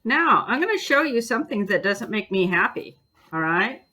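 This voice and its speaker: This art teacher leads a bookbinding demonstration in a sing-song, bright, forceful voice of medium pitch and moderate pace. Chatty and encouraging, she talks her students through each step and hums and sings while she works.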